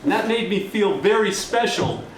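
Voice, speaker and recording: A man's voice: sits high, lively intonation, moderate pace. A man doing a comic magic act for a live audience, with the jokey, showy patter of a kids party magician. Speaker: stage magician. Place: live show in an echoey room. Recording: echoey, noisy room, far from mic.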